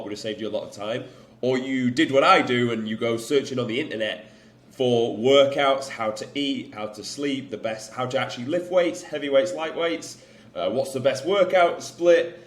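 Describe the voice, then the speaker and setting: A young man with a northern English accent, a fitness coach talking bluntly to camera and swearing often. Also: mid-range voice. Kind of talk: unedited talking-to-camera vlog. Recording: echoey room.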